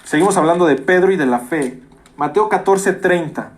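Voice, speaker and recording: A man preaching a sermon as pastor, emphatic, repeating phrases and rising suddenly to loud stresses. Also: high voice, moderate pace. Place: church.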